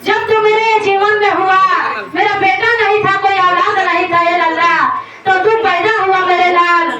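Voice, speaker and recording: A woman's voice: very high-pitched, level tone, unhurried, muffled recording, over a noisy crowd. A woman voicing a grieving, sacrificing old mother who speaks in a pleading way. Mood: sorrowful. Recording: very echoey, from far off, noisy.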